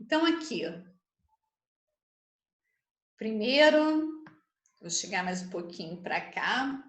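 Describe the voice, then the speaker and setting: Slow, high-voiced Brazilian woman teacher. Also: big pitch swings. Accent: Brazilian Portuguese. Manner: slow, patient explaining with frequent tag questions. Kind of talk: online grammar lesson. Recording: echoey room.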